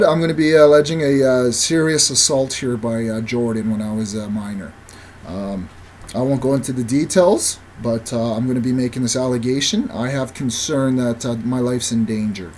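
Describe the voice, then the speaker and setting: Man leaving a halting voicemail. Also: mid-range voice, darkish tone, a little hiss or hum. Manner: halting, with frequent hesitations. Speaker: caller. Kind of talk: formal complaint message.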